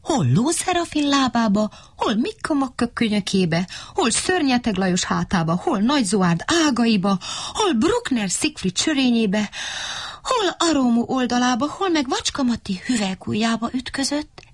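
A woman telling a children's story with a lively, swooping pitch. Her voice is a little husky, and she plays with sound effects and voices as she reads. The recording is dry and close. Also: no echo.

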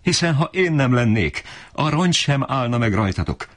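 A man's voice: medium pitch, sing-song, voice pushed up, lightly acted. A man voicing a worn-out poor mother who pleads through tears. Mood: tearful. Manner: tearful, pleading.

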